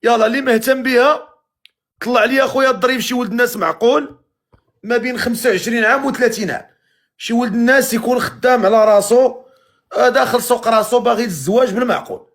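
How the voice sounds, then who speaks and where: A Moroccan man with a high voice hosts a live stream, talking briskly and teasing his callers. His casual patter runs on with quick calls to the viewers. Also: fairly bright tone. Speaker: live matchmaking host. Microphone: live video stream.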